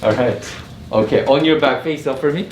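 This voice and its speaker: A man's voice: mid-range voice, normal speed. A man working as a chiropractor, guiding a patient through treatment with short, simple, reassuring instructions. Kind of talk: casual hands-on instruction to a patient. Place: indoor treatment room. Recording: echoey room with clear background noise.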